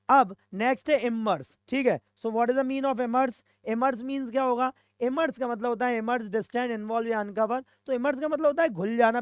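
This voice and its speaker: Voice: medium pitch, smooth, no room sound. Teacher quizzing students, dry sound. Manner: mixes Hindi and English, asks and answers own questions; repeats "okay" to check in with students. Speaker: English vocabulary teacher. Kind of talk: recorded exam-prep lesson.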